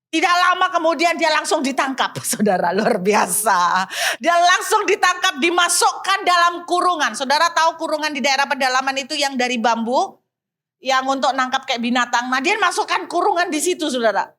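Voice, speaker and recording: Woman pastor, high-pitched, animated storyteller who drops in English phrases. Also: moderate pace. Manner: animated, addresses the congregation often, mixes in English phrases. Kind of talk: sermon storytelling.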